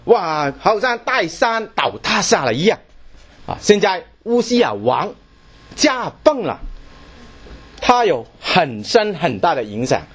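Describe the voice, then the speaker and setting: A man's voice: sits high, sing-song, a little slow, a bit bright, husky. A man preaching a sermon, asking the congregation questions and repeating his words as he goes.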